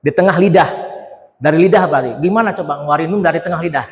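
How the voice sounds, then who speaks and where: A man's voice: a little high, quick pace. A male Quran teacher giving a tajwid lesson, drilling letter sounds one syllable at a time and quizzing his students. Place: Islamic centre hall. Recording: echoey hall with long reverb.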